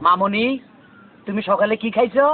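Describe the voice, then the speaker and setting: A man's voice: high-pitched, fairly even intonation. A man, playing a bossy, greedy music teacher in a comedy skit. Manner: bossy, greedy, sings off-key in a drawn-out way. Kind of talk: comic skit acting. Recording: tinny lo-fi audio with loud music.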